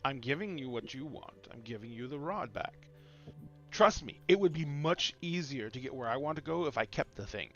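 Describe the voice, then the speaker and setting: A man voices an ancient undead sorcerer for a tabletop fantasy game, evil and boastful. He speaks in deliberate, halting declarations at a middling pitch. The sound is slightly muffled, with faint music underneath. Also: expressive, fairly bright tone. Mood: bargaining. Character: ancient male lich, boastful, scheming, frankly evil bargainer.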